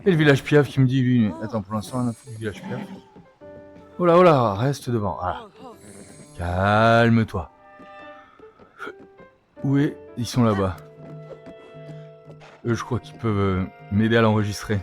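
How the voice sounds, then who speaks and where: Male let's-play streamer, excitable, coaxes the game aloud as he plays. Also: lowish voice, a little slow, long pauses, soft background music. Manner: excitable, coaxing, talks to the game. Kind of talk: live gameplay commentary.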